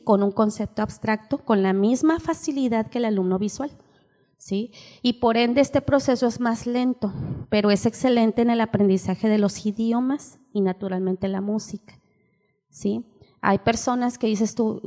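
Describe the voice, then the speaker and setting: Older female seminar teacher, mellow tone, explanatory, long reverb of a church hall. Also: a little high. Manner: explains while reading aloud, keeps asking ¿sí?. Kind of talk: seminar lecture.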